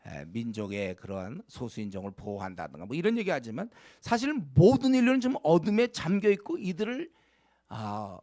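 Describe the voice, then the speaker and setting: A man's voice: medium pitch, no echo, clean studio sound. A male pastor preaching a sermon, earnestly urging his congregation, with frequent fillers and direct questions to the listeners.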